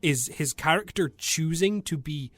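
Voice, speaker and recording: A man co-hosting a radio film podcast, talking in an animated, exasperated way about what he watched. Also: on the high side, a little slow, no echo. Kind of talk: casual film review chat. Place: radio studio.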